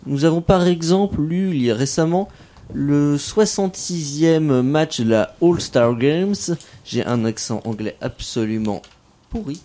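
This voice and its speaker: A man hosting a casual local radio show, playful and self-mocking, gently drawing out the young guests. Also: a little high, measured pace. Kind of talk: casual radio chat with children.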